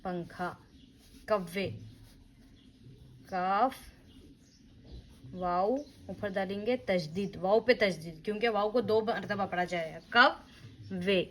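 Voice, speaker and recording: A woman's voice: medium pitch, steady tone, slow, long pauses, slight background noise, low-quality recording. A woman teaching a beginner reading lesson, spelling words out letter by letter and repeating them patiently. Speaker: Urdu teacher.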